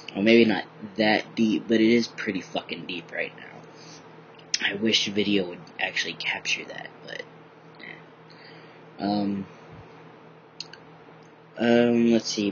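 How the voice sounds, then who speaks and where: Just awake and a bit groggy, a young man records a casual personal video diary in a bright room at home. His low voice rambles with plenty of ums, relaxed and candid, over slight background noise and dull lo-fi webcam audio.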